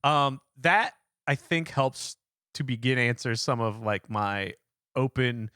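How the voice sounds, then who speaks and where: Podcast co-host, man, bright tense voice, hesitant musing delivery, dry close mic. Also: mid-range voice, fairly even intonation, slow pace, clear, resonant tone, no echo. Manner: hesitant, filler-heavy musing. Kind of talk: casual podcast chat.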